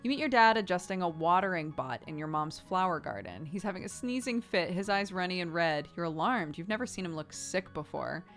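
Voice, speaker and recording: Woman streamer narrating over clear background music. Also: lowish voice, expressive, fairly quick, hardly any pauses, a bit bright. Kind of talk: reading a story game aloud with casual live commentary.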